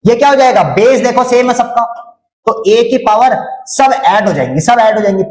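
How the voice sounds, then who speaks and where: A man's voice: very high-pitched, moderate pace. A man teaching a maths lesson online, repeating each step, quizzing his students and teasing them. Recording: roomy echo.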